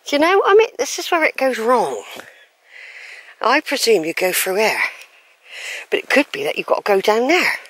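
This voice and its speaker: A fairly high, very animated woman's voice at a moderate pace, pausing often, a bit bright and slightly rough, on a rough recording with no echo. A hiking vlogger with a handheld camera, she chats to it while walking a hillside countryside trail outdoors, musing aloud, asking herself which way to go, and sighing between remarks.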